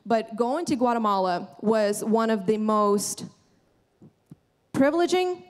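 A woman's voice: fairly high pitch, measured pace. Earnest young woman preaching to a church. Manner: earnest, conversational, with frequent restarts. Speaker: church speaker. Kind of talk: sermon. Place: large church stage, indoors. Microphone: handheld microphone.

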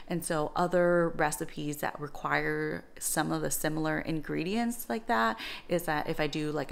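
A woman in her thirties explains home cooking to camera in a relaxed, conversational vlog. Her voice sits low and sounds gravelly.

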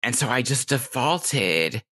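Here the same kind of speaker, a middle-aged woman and game master on a podcast, shares anecdotes with casual enthusiasm. Her extremely low voice is animated and slow, with a slightly bright quality.

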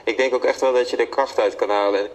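A young man talks as the guest in an interview, answering modestly and a little hesitantly. He fills his pauses and agrees readily with the interviewer. His pitch is in the middle range for a man. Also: steady tone, rough recording. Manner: modest, hesitant with many fillers and short agreements. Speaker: guest singer. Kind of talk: casual interview.

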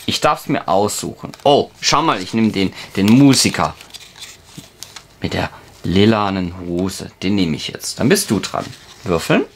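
At a table indoors, a father with a low voice and lively intonation patiently walks a child through a children's board game while they play. He's unhurried, casual and encouraging, with slight background noise in the recording.

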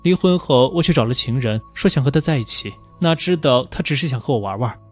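A man voicing a weary, guilt-ridden divorced man, speaking his lines in a flat, quiet way within a film recap. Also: medium pitch, quick pace, soft background music, lightly acted. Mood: subdued.

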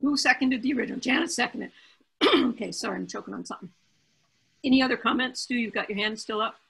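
A woman chairing a council meeting over a video call, brisk and joking as she moves through votes. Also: fairly high pitch, vocal fry, a bit bright, husky, poor audio.

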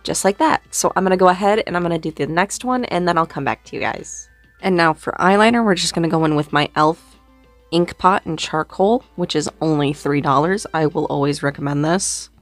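Low-pitched and brisk, a young woman talks through her makeup in a casual get-ready-with-me video, voice slightly sore and humor self-deprecating. Soft music plays in her small, red-curtained bedroom, and a small boom-arm desk mic sits close up.

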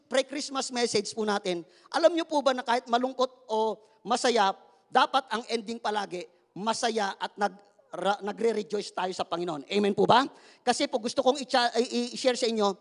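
A male pastor with a high-pitched voice preaches playfully in a big-sounding room. He jokes with the congregation, invites their replies, and slips English phrases into his sermon.

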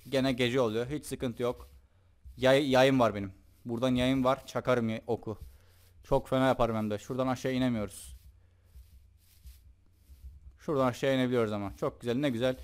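A man's voice: mid-range voice, clean tone. A young man giving casual, joking commentary over his own gameplay and talking to the creatures in the game. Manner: chatty, joking, talks to the game's mobs. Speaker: gaming YouTuber.

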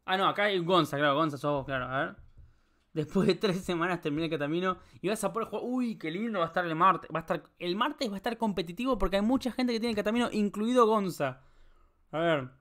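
Young male streamer, Rioplatense accent, loose and jokey, a touch high-pitched. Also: fast talker, fairly bright tone. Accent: Rioplatense Spanish. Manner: rambling, joking, swears a lot, talks to chat. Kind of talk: casual live-stream chat while solving a puzzle.

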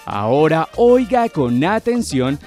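A man's voice: a little high, very animated, slow, dark tone. A man narrating a scripted television feature as its reporter. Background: background music.

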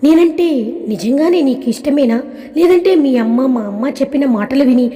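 A woman voicing a troubled young husband who speaks gently and coaxingly. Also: sits high, animated, moderate pace. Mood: gentle. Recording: long reverb.

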